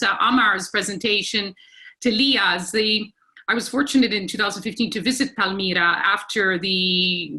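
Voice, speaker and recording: A woman chairing an online panel, introducing speakers in a measured, formal way. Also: mid-range voice, sharp tone, rough recording. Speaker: event chair, moderator. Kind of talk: moderating a panel.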